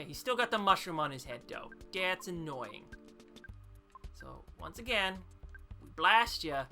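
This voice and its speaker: A woman hosts a let's-play in a bright, lively voice that swings up and down a lot. She chats casually, thinking aloud with plenty of fillers, over faint game music. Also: on the low side. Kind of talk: casual gameplay commentary.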